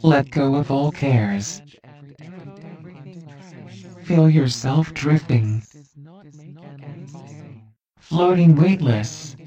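A speaker guiding a hypnosis meditation with slow, soothing, repetitive instructions. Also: medium pitch, dark tone, distant mic, muffled recording.

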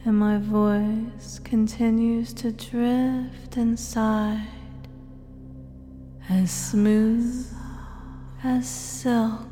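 A woman speaking as a hypnotist in a guided hypnosis recording, slow and soothing, slipping often into soft whispers. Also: fairly high pitch, level tone. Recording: long reverb with faint music behind.

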